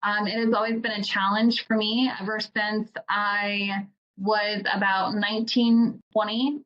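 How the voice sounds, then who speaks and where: Woman podcast host, earnest and halting, casual chat, muffled lo-fi sound. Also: medium pitch. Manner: earnest, halting with restarts and fillers.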